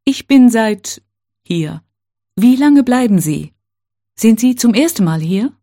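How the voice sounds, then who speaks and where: Female teacher, mellow voice, unhurried drill reading with careful gaps between phrases. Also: a little high, animated. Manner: slow, careful, clearly spaced phrases. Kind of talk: reading set phrases for learners.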